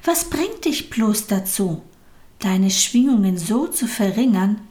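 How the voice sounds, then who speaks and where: A woman voicing a kind, loving soul, speaking tenderly and often in a soft whisper. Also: mid-range voice, very animated, slow. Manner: tender, softly whispered, rising with feeling.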